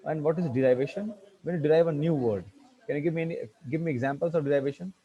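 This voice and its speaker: Over a video call with phone-quality sound, a man with a somewhat high voice gives an online English grammar lecture. He halts often, using many fillers and restarts, and spells words out letter by letter.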